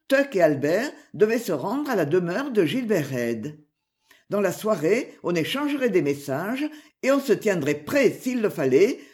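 An audiobook narrator with a lively, animated voice that rises and falls through the sentences. The reading is measured and expressive, telling an old adventure tale at a steady, careful pace. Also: mid-range voice. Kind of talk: scripted narration of a classic adventure novel.

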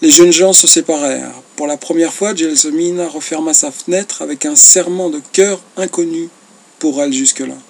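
A man narrating a classic novel as an audiobook in a measured, expressive reading. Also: a little high, vocal fry.

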